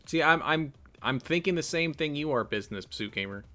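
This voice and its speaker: A man with a rather high, animated voice reads a text game aloud at a fairly quick pace, his tone bright and forceful, while soft music plays underneath. He's a gamer playing an interactive text game, musing over his choices in chatty let's-play narration with casual commentary.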